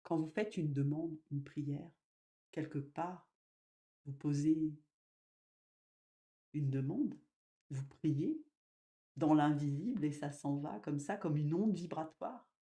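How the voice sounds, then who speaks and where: A woman medium giving a spiritual live talk, gentle and slow, with sudden loud emphasis and soft drops. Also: low-pitched.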